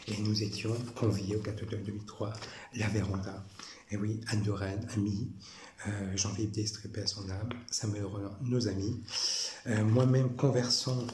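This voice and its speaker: Low-voiced rambling Frenchman in an echoey room. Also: noisy background. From France. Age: 40s. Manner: repetitive, says "voilà" constantly. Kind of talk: rambling monologue showing personal photos.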